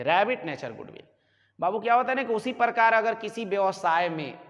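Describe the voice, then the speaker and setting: A male commerce teacher, giving a classroom lecture and explaining with homely examples. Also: sits high. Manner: explains with homely examples, calls listeners "babu". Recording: echoey room with long reverb.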